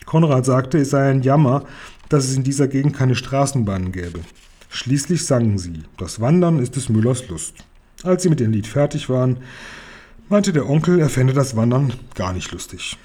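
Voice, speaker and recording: A man reading a children's story aloud in a lively, characterful way. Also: medium pitch, normal speed. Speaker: audiobook reader. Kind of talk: storytelling narration.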